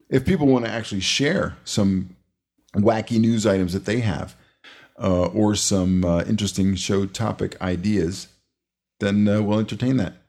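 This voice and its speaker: Gravelly, husky-voiced male podcast host. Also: lowish voice. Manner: rambling, relaxed, many fillers. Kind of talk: casual podcast chat.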